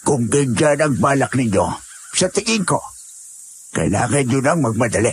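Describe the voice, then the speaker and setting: A man playing a stern, gruff old village elder who scolds in an urgent manner. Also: medium pitch, sing-song, normal speed, slight background noise, close to an everyday voice. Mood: grave. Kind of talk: Tagalog audio horror drama.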